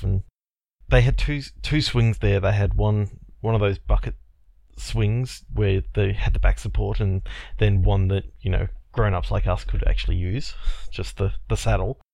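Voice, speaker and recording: Gravelly-voiced man hosting a podcast. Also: deep voice, darkish tone, no room sound. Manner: laid-back, laughs often, hesitant restarts. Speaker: podcast host. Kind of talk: casual chat.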